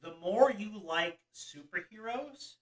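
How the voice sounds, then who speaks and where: A man's voice: high voice, expressive, slow pace, far from the mic, rough recording. A young man co-hosting a podcast, recapping a movie in casual chat with lots of ums and laughs. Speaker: podcast co-host.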